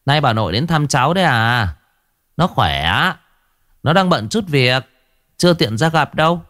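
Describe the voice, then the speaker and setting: A man's voice: medium pitch, big pitch swings, moderate pace, a bit bright, voice pushed up. A man voicing a scheming village woman who speaks with false courtesy. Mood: falsely polite. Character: cold, scheming village woman, feigning politeness.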